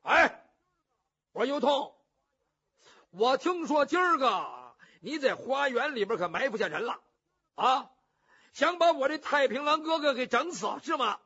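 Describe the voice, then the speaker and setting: A male storyteller voicing a brash, boisterous young warrior who shouts and blusters. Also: extremely high pitch, expressive, normal speed, husky, pitched above the performer's own voice, full character voice. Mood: accusing. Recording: muffled lo-fi recording.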